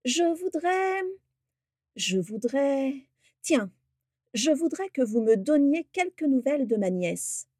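A resentful aristocratic wizard mutters and speaks with a soft, quiet menace, voiced by a woman narrating. The tone is dark and mellow, close and dry. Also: mid-range voice, a little slow, no room sound, close to an everyday voice. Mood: menacing.

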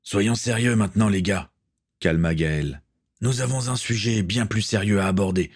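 A calm ship captain with a low, steady voice, as the narrator reads him. He speaks with quiet authority, laying things out plainly in a storybook reading. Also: moderate pace, breathy edge. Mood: serious.

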